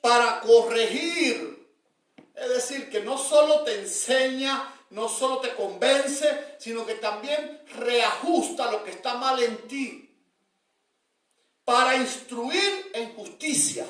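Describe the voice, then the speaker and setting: High-voiced preacher, very echoey. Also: male voice. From Cuba. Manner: emphatic preaching that slows down for key words and drops soft. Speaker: evangelist preacher. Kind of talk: sermon. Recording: very echoey, from far off the mic.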